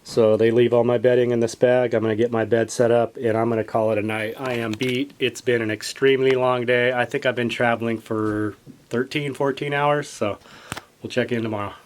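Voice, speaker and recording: A man's voice: mid-range voice, flat delivery, a little fast. A man talking casually to camera as a travel vlogger, giving updates on his trip. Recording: faint background noise on location.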